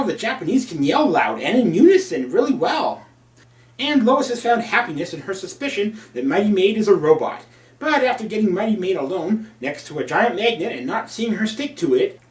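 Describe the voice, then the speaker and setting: A man reviewing an old comic book with sarcastic, crude asides. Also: high voice. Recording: roomy, from a distance.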